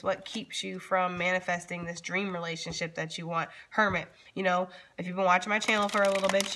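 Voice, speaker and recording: A woman giving a casual, chatty tarot reading as channel host, speaking informally and straight to her viewers. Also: mid-range voice. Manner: informal, addresses viewers directly, frequently checks in with "okay?". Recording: background noise with card shuffling and clicks.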